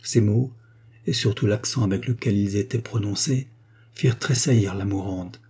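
Male audiobook narrator, low and dark, steady measured delivery. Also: breathy edge. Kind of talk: scripted narration of a classic novel.

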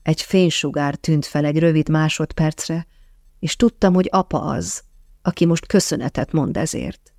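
A woman narrating a first-person memoir audiobook in a calm, measured, softly reflective way. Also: low voice, creaky, dry recording, studio quality.

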